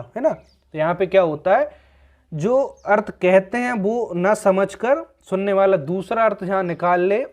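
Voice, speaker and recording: A man's voice: sits high, darkish tone. Patient male Hindi grammar teacher. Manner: patient, repeats points, asks rhetorical questions. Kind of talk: explanatory grammar lesson.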